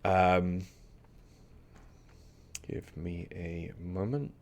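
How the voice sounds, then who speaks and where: A man's voice: deep voice, drawn-out words, a little mellow. A man narrating and running a tabletop role-playing game as its game master.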